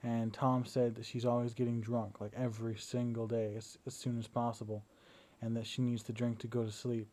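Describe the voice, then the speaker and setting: A young man talks a little fast in a medium-pitched voice while lying down at home, filming a casual video diary on a battery-powered camera. His relaxed speech is hesitant, full of fillers and restarts.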